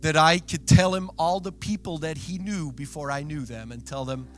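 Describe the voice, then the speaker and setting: In a church sanctuary with soft background music, a Belgian man in his thirties, a native Dutch speaker with a Belgian accent, preaches an earnest sermon as a guest pastor. His voice is on the high side at normal speed, and he makes warm asides to the congregation.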